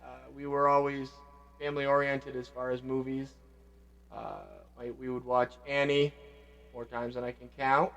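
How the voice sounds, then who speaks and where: A man hosting a vlog, reminiscing casually and reflectively, often trailing off quietly. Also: mid-range voice, little pitch movement, normal speed, long reverb tail, dull audio, soft background music. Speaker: vlog host paying tribute to his father. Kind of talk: casual spoken reminiscing between songs.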